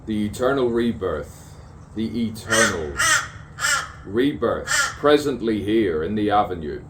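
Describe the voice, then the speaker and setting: His voice sits lowish, animated and a little slow as the man improvises a poetic soliloquy out on an avenue. It's a musing, theatrical stream of consciousness full of insistent repetition and rhyming wordplay, recorded from afar with clear outdoor noise and birds and crows cawing.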